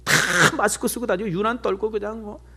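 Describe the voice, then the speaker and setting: A man's voice: high-pitched, fairly quick, background noise. A middle-aged male pastor giving a sermon, telling stories in a chatty way and sometimes dropping to a near-whisper. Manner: chatty storytelling with lively swings, drops to near-whispers.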